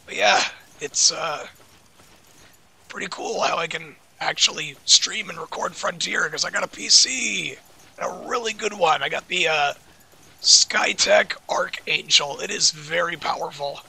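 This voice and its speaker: A man with a hoarse, raspy voice chatting casually and self-deprecatingly as he comments on his own gameplay. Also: fairly high pitch, measured pace, bright, forceful tone. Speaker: gaming video creator.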